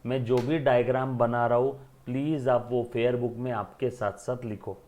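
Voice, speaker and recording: Commerce teacher guy lecturing, keeps asking clear? and answering himself. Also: mid-range voice, flat delivery, moderate pace, a little mellow. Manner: repeats questions and answers them himself, calls students beta. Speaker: accounting teacher. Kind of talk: classroom lecture.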